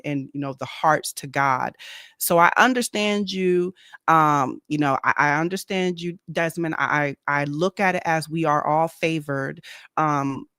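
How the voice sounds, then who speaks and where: A man speaking earnestly in a casual faith discussion on a video call, slowing down to stress his points. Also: a little high, a bit bright, no echo, studio quality. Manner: earnest, slow and deliberate when stressing a point. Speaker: panelist on a faith talk stream.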